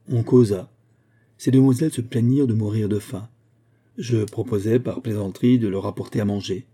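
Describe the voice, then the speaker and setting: A man's voice: fairly low pitch, mellow, husky. A man voicing a jovial young male officer in a novel, hearty and teasing as he talks. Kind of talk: audiobook character reading.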